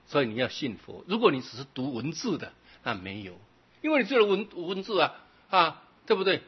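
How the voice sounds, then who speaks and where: A man giving a Buddhist sermon to a live audience. He talks in a lively, conversational way and slows down for drawn-out scripture recitation. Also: on the high side, husky. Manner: animated and conversational, often adding "对不对". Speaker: Buddhist dharma teacher. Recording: dull lo-fi recording.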